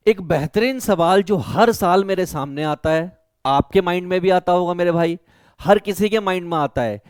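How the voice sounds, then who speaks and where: Here a young Indian man who teaches class 11 students online speaks in a high-pitched voice on a dry, studio-quality recording. His lesson offers big-brotherly study tips meant to motivate, and he asks and answers his own questions.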